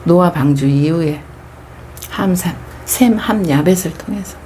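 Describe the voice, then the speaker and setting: A woman's voice: fairly low pitch, unhurried, warm tone, a little hiss or hum. A middle-aged woman pastor preaching a Bible devotional, telling the story expressively and dropping into whispers for emphasis.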